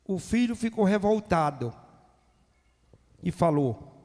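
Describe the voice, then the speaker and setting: A man's voice: high voice, lively intonation, takes it slowly. A man preaching a sermon, emphatic and full of rhetorical questions. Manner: emphatic, rising to near-shouting at climaxes, rhetorical questions. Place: church hall. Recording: long reverb of a church hall.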